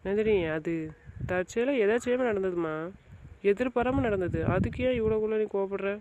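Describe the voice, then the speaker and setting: An actor playing a concerned male friend who tries to calm a quarrelling couple, heard with dull lo-fi sound. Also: high voice, normal speed, background noise, natural voice. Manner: urgent, placating. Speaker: actor in a web drama.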